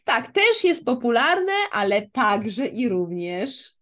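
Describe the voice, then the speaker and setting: A woman's voice: a little high, big pitch swings, takes it slowly, fairly bright tone. A woman with a Polish accent teaching a conversational language lesson as co-host, repeating examples and checking that they are understood.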